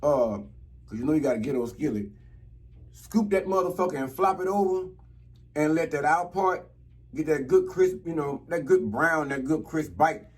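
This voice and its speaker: The host of a reality TV review show gives a casual, profane recap and commentary in a fairly high, animated voice at a moderate pace. He's blunt, exasperated, and rambling, swearing freely.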